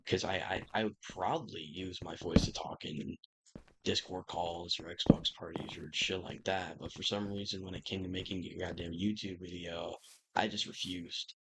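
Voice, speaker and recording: Young man, deep voice, gravelly edge, casual swearing, rambling gameplay chat. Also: fairly even intonation, normal speed, heavy background noise. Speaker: gaming YouTuber. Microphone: computer microphone.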